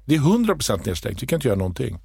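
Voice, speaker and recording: A man's voice: mid-range voice, very animated, creaky, a little mellow, slightly rough, no echo, clean studio sound. A male comedian, self-mocking and playful in casual chat as a podcast co-host.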